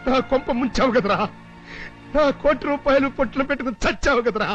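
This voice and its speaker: A man's voice: very high voice, a little fast, a bit bright, lo-fi sound, soft background music. An actor playing a scheming, greedy man in a comedy film who talks his way toward hidden money. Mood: pressing. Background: film score.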